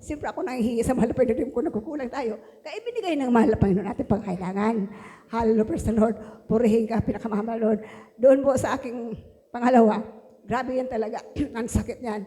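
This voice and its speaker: A woman's voice: a little high, fast, mellow. A woman giving a fervent religious testimony in church, often breaking into exclamations of praise. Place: church hall. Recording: long hall reverb.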